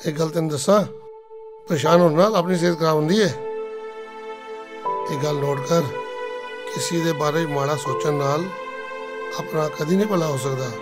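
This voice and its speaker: An actor playing a calm brother figure who gives a woman slow, patient advice. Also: fairly high pitch, close to an everyday voice. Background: new-age film music.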